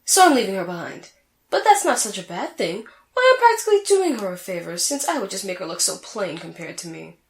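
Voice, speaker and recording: Roomy home recording, high and very animated: vain young sorceress rival, boastful, theatrical anime comedy. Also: female voice, a little fast. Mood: boastful, haughty. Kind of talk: comedic anime fan audio drama acting.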